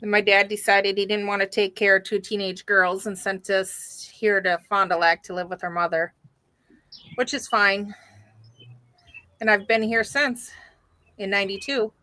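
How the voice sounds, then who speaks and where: A woman's voice: medium pitch, level tone, normal speed, pushed and bright, no echo. Middle-aged woman, Minnesota accent. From Minnesota and Wisconsin, upper Midwest. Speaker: live stream host. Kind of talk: casual chat.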